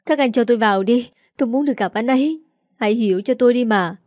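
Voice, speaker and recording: A woman's voice: mid-range voice, fairly quick, warm tone, dry recording, studio quality, natural voice. A woman voicing a frantic, grieving young woman who pleads through tears. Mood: distraught. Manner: pleading, tearful, breathless.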